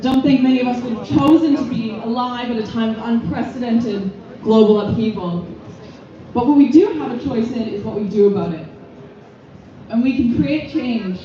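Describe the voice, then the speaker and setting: A young woman activist delivers a fiery protest speech, building her points through repetition. Her voice is high and mellow. It reaches the listener from a distance, echoing and muffled. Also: moderate pace. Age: young adult. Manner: forceful, rhetorical, repeats phrases. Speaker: youth activist speaker. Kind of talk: impassioned rally speech. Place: street protest outdoors. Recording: echoey, distant, muffled outdoor PA sound.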